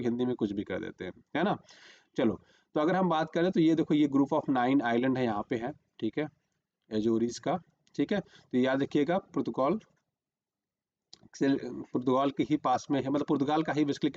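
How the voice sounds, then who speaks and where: A man's voice: medium pitch, a little mellow, highs cut off. A man teaching a current-affairs lesson for exam prep, repeating "remember" and "okay" while marking a map on screen.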